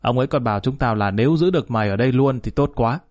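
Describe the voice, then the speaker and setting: Man voicing menacing thug, sneering, mid-pitched. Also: quick pace, darkish tone, lightly acted. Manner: sneering, threatening.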